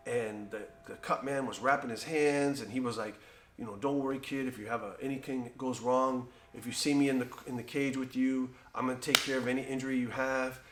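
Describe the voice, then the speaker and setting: A man's voice: mid-range voice, echoey room. A man, a boxing cutman and trainer, telling stories in an interview and acting out quoted exchanges. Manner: animated, acts out quoted exchanges. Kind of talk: conversational interview storytelling.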